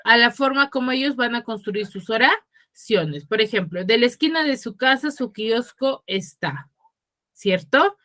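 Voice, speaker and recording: This secondary school teacher from Peru, who has a Huaraz accent in her Spanish, teaches online via video call. Her voice is a little high, expressive, pushed and bright, at a measured pace. She calls on her students by name and keeps checking in with tag questions.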